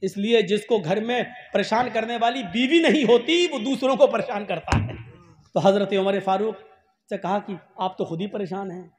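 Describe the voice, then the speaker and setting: A man with a strikingly high voice delivers a humorous sermon, spinning anecdotes with lively, joking energy. His words ring out in a large hall with a long reverb tail. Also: normal speed. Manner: storytelling, animated, jokey. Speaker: preacher.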